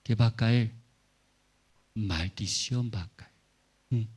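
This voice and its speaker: A man's voice: on the low side, slow pace, darkish tone, husky. A man preaching a Sunday sermon as pastor, in simple broken phrases full of rhetorical questions and short acted-out lines. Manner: often acts out Bible characters in a raised voice.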